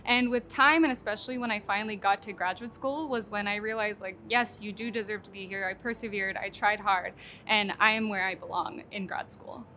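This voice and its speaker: A young woman with a bright, forceful voice speaks candidly and reflectively about her path. She is recorded outdoors beside a campus building, with a faint rumble behind her. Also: fairly even intonation, brisk. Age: young adult. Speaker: graduate student. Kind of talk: interview testimonial.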